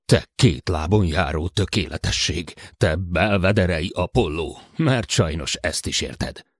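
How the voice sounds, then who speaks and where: Férfi hangján büszke, sértődékeny szőrös törzsi lény, mély, száraz hang. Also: male voice, low voice, lively intonation, husky, dry recording, studio quality. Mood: indignant. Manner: touchy, sharp, hissing.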